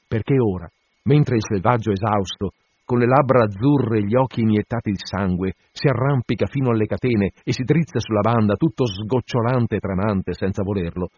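Male radio host, husky voice, dry studio, dull lo-fi sound, theatrical reading. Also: on the low side, no room sound. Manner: theatrical reading, then relaxed asides with fillers. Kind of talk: reading a novel aloud on radio.

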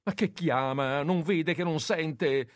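A young nurse, anxious and bustling, who calls out high and loud, as a male narrator puts her on. The lines come from a storybook read aloud, in a dry and close sound. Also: a little fast, no echo, close to an everyday voice. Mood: frantic urgent. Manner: high, raised voice with sharp calls.

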